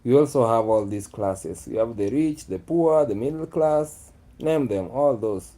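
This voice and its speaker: A man's voice: medium pitch, expressive, measured pace, warm tone. A man, chatting casually with his viewers in a musing way, often repeating his phrases. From Kenya. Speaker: vlogger. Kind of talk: casual live chat with viewers.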